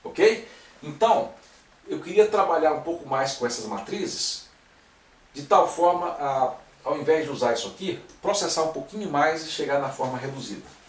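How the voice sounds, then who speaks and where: A man with a slightly high, animated voice moves at a moderate pace through a math lesson, regularly checking in with students. It's a classroom-style lecture recording, echoey and miked from a distance.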